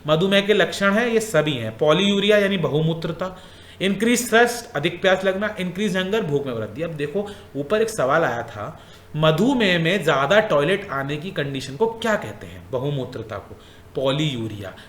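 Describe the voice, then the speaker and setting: A man's voice: fairly high pitch, expressive, moderate pace, fairly bright tone, roomy sound, a little hiss or hum. A male teacher going through exam questions in a casual way, repeating points and asking the class questions.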